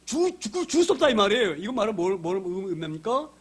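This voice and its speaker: A male pastor delivering a sermon with a high-pitched voice. He preaches in an animated way, dropping to quiet asides and then rising to sudden loud outbursts as he dramatizes the scenes he retells. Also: fast talker, slightly rough.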